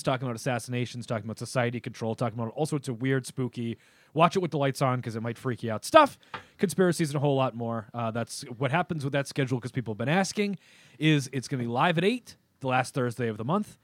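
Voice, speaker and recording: A man co-hosting a podcast in casual chat, jokey and rambling, quick to laugh. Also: mid-range voice, no room sound. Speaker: podcast co-host.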